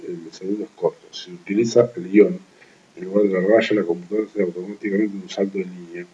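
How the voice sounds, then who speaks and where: A man reading a legal writing manual aloud, steady and methodical, restarting words he stumbles on and adding brief offhand remarks. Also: deep voice, quick pace, muffled recording. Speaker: law study reader.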